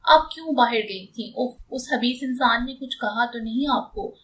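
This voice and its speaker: A woman's voice: on the high side, unhurried, fairly bright tone, distant mic, slight background noise. A woman voicing a tearful, protective younger brother who speaks in a choked, pleading tone in an audiobook.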